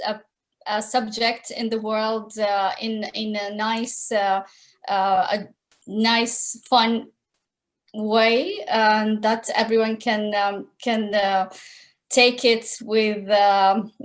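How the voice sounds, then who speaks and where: A woman's voice: mid-range voice, little pitch movement, takes it slowly. A woman in her thirties from Iraq, speaking as a podcast guest over a video call, hesitant and searching for words. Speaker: guest, concept artist. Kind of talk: podcast interview. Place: room at home.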